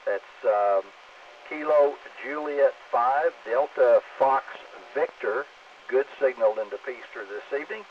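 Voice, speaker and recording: A man's voice: medium pitch, measured pace. A man runs a ham radio net in an easygoing way full of fillers. His voice comes through as a radio transmission with static, thin and phone-like. He sounds far off, under a faint hiss. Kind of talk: amateur radio net check-ins.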